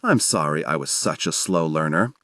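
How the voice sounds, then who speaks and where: A man's voice: extremely low pitch, lively intonation, normal speed, sharp tone, no echo, clean studio sound, voice pushed down, exaggerated voice. A man doing a cool teenage girl. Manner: cool, matter-of-fact. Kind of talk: audiobook character voice.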